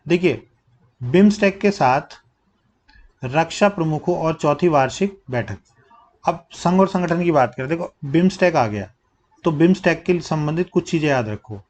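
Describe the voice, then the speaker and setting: A young man teaching current affairs for exam prep, asking questions and answering them himself, dropping low to stress key facts while he writes with a pen. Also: lively intonation, moderate pace, darkish tone.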